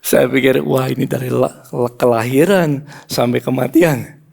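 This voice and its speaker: A middle-aged man preaching a sermon as pastor, swinging between loud emphasis and hushed whispers and calling on the congregation to answer. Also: medium pitch, measured pace, vocal fry. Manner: asks the congregation call-and-response questions.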